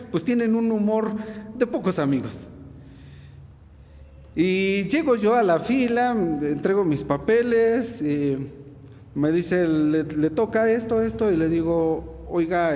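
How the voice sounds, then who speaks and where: A man preaching, his voice sitting a bit high for a man. He tells a story from the pulpit, acting out the other voices and laughing at himself. The sound rings with the long reverb of a large hall. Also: darkish tone. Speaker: pastor. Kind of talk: sermon with personal anecdote. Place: church sanctuary.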